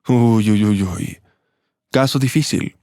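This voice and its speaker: A man voicing an old hooded vagrant, a former doctor, speaking low, steady and instructive in a storybook reading. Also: takes it slowly, no echo, studio quality. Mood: calm, firm.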